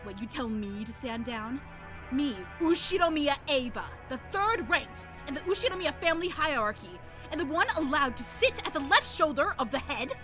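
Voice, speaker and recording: A woman's voice: sits high, expressive, normal speed. A woman voicing an arrogant aristocratic lady who sneers at a servant, with music behind. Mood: scornful. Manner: sneering, imperious. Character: haughty arrogant noblewoman, scornful. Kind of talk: amateur read-aloud of a story. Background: music playing.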